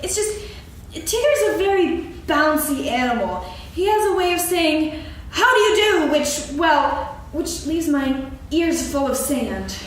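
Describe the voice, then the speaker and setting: A woman's voice: high-pitched, animated, measured pace. A woman playing a small, timid, earnest piglet in a staged reading of a children's story, with a childlike manner. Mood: mildly anxious. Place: stage, actors seated, live audience recording. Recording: echoey hall from far off, faint noise.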